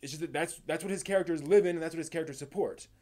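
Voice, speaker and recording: With a fairly high pitch and a darkish tone, a man speaks casually to his live-stream audience without a script. His delivery is halting, and he often rephrases mid-sentence as he thinks aloud.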